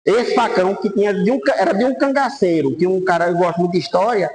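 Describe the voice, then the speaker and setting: Man, priest, lively storytelling, highish voice. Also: quick pace, rough recording. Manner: animated anecdotes, voice rising and falling. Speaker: priest teaching a Bible course.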